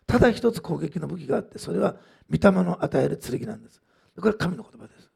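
A man's voice: high voice, animated, fast talker, vocal fry, darkish tone, husky. A man preaching a sermon in a conversational way, with frequent asides and fillers as he tells a testimony. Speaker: pastor.

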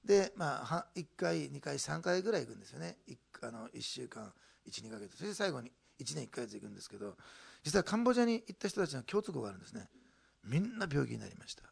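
Gravelly, animated male pastor preaching. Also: mid-range voice, quick pace. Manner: animated storytelling with emphatic stress and laughs. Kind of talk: sermon.

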